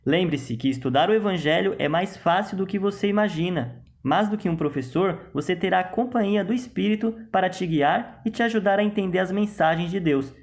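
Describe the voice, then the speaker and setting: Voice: medium pitch, fairly quick, hardly any pauses. A presenter with a Brazilian accent reads a scripted educational lesson for children, addressing the young listeners directly in a didactic way.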